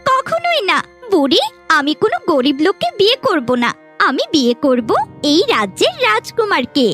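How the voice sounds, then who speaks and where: A woman voicing a spoiled, rude young village girl in a cartoon, with a shrill, bratty manner. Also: very animated, normal speed, fairly bright tone, faint music behind, exaggerated voice. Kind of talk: cartoon voice acting.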